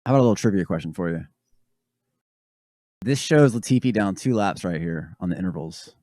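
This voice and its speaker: A low-pitched man with a lively, swooping delivery, trading dry, sardonic jabs while watching a race. He swears casually and talks bluntly. Recorded close in a dead, dry room. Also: a little fast, no echo. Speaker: podcast co-host.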